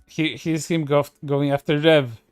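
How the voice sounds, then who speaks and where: A man's voice: a little high, fairly even intonation, measured pace, clean tone, dry recording, clean studio sound. A man commenting on online posts in a sarcastic, profane way, with many fillers and restarts. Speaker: streamer.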